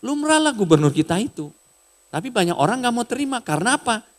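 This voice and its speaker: A middle-aged man preaching a sermon in a casual, animated way, sometimes raising his voice. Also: very high-pitched, fast talker. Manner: casual, animated preaching with raised shouted bits. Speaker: pastor.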